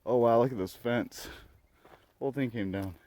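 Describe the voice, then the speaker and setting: A man's voice: medium pitch, moderate pace, mellow. A man giving casual off-the-cuff vlog commentary in fragments as he explores outdoors. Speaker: vlogger exploring a graveyard. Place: outdoors in a graveyard at night. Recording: noisy handheld outdoor recording, clicks.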